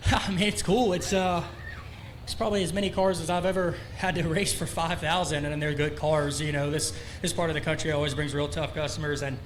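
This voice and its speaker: A man's voice: a little high, steady tone, a little fast, slight background noise. A man who just won a race, out of breath, rambling loosely in a post-race interview with lots of fillers at an outdoor dirt track. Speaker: winning race driver.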